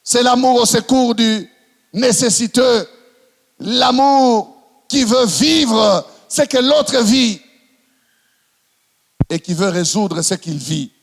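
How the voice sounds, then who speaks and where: A man preaching a sermon as pastor, swinging between impassioned shouting and hushed passages. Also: very high-pitched, slow pace, pauses often, long reverb tail.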